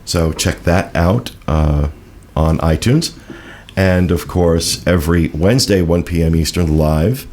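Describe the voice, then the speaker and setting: A man hosting a casual podcast, chatty and reading out event listings with quick asides. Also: low-pitched, darkish tone, a little hiss or hum. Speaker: podcast host.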